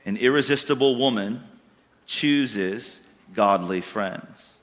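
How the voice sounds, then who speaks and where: A man preaching a sermon to a congregation, folksy and emphatic, building to louder bursts. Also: medium pitch, slow pace, long reverb tail. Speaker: pastor. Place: church hall with congregation.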